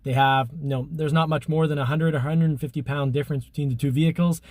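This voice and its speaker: Quick and steady, a man's fairly high, slightly mellow voice carries a casual car review recorded inside the vehicle, partly on the move. He sounds congested and explains as he talks, often restarting with "you know."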